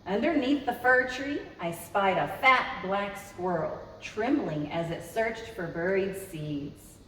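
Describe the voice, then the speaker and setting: In a mid-range, fairly bright voice, a woman reads a children's story slowly and with animation, speaking directly to the young audience as storytime host. The sound is roomy and echoey, picked up by a far-off mic with noise.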